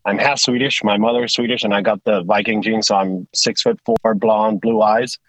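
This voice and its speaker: A man's voice: fairly low pitch, steady tone, normal speed, no room sound, low-quality recording. Guy, chatty guest, dry close sound. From Spain. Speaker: podcast guest. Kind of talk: casual interview chat.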